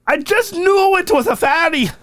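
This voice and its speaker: A man voicing an older Irish woman who slowly and earnestly tells of her encounters with fairies, in a put-on Irish accent. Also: very high-pitched, expressive, a bit bright, no echo, pitched above the performer's own voice. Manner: slow, earnest storytelling. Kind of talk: dramatic reading of listener stories.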